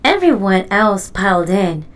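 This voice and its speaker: With a voice in the middle range, a woman reads a children's story aloud, her narration deliberate and full of expression.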